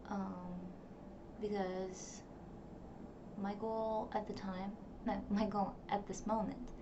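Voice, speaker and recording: In a flat, unhurried mid-range voice, a young Russian-native woman chats to camera for her diary vlog, drifting reflectively between thoughts and leaning on fillers. The sound is dull, noisy and far from the mic, recorded at home.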